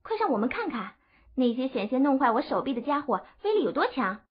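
A playful teenage girl, put on by a man in a high falsetto, speaks sweetly with a breathy edge. The audiobook recording sounds dull and lo-fi, and the voice sounds set back from the mic. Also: very animated, brisk, exaggerated voice. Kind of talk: audiobook character voice.

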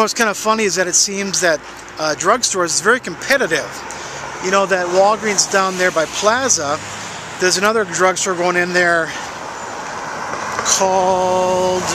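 High-pitched American man, noisy outdoor recording. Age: middle-aged. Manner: rambling, musing aloud. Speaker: public access TV presenter and weatherman. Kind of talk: casual walk-and-talk update. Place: outdoors beside a busy road and construction fence. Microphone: handheld camera at arm's length.

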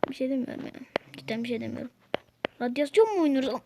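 High-pitched woman narrating her own gameplay, constantly griping at the controls. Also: lively intonation, quick pace, vocal fry, very noisy. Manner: exasperated, complaining at the game. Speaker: gameplay video maker. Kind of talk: casual gameplay commentary.

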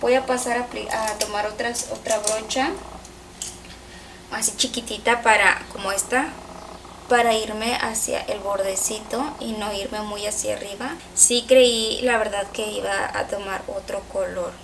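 A woman chatting excitedly through a makeup tutorial, thinking aloud as she works. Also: medium pitch, measured pace, recorded from a distance, a little hiss or hum. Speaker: makeup vlogger.

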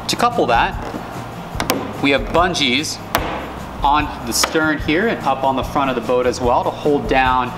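A man's voice: mid-range voice, rough recording. A young man walking through the features of a kayak in a large shop, enthusiastic and detailed. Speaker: paddle sports shop staff presenting a kayak. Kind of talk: product walkthrough. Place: large retail store, indoors. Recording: background music under the voice. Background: background music.

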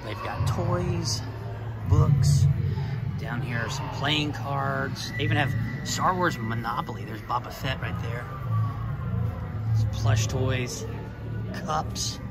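Speaking slowly at a medium pitch with long pauses, this male vlog host walks through a large store holding his phone camera, cheerfully pointing things out, and later sits indoors in a car. Loud music plays behind his voice.

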